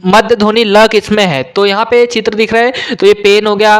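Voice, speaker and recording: A male teacher going through an exam paper question by question, explaining each answer step by step with frequent "uh" pauses. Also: sits high, level tone, a bit bright, clean tone. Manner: explains step by step, often pausing with "uh". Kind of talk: exam solution walkthrough.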